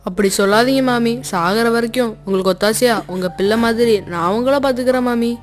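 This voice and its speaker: A woman's voice: a little high, brisk, soft background music, lightly acted. An actress playing a loyal, caring young woman who earnestly reassures and comforts a mistreated elder. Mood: consoling. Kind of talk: period film drama acting.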